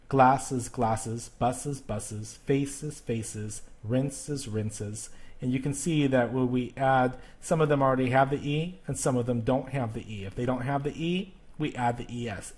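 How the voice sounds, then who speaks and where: A man giving a recorded pronunciation lesson in a patient, step-by-step way. He often stops to check in with the listener. He says example words slowly and more than once. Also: medium pitch, darkish tone. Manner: patient, explains step by step with frequent checks like "okay?". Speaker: teacher. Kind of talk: spoken grammar lesson.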